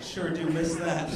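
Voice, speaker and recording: A young man doing a stand-up comedy set on a club stage, mixing crowd work and quick asides, speaking into a handheld mic. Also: high-pitched, heavy background noise. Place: comedy club stage before a live audience. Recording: roomy live club sound with audience laughter.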